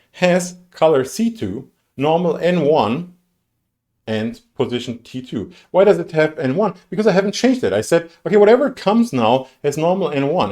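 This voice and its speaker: In a recorded graphics programming lecture picked up by a streamed lecture mic, a man with a medium-pitched, somewhat mellow voice speaks in a conversational way. His university talk is full of fillers, restarts, and dry sarcasm.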